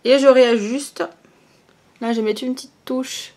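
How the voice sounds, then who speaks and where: A woman's voice: sits high, steady tone, a little slow, darkish tone. A young woman talking casually through her makeup routine, explaining each step with fillers and little "hop" sounds. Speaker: beauty vlogger. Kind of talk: casual get-ready-with-me makeup tutorial.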